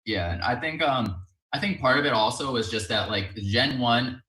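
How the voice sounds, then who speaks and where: Guy on a call, lowish bright voice, lots of like, roomy echo. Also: lively intonation, normal speed. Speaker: former contestant. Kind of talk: casual video call chat. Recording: echoey room audio.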